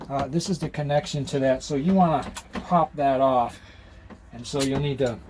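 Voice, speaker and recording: A man hosting a casual how-to vlog from inside a small trailer, talking viewers through a repair in a folksy, halting way. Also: medium pitch. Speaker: host of an RV living how-to vlog. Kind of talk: casual DIY tutorial. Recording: clear background noise, location sound.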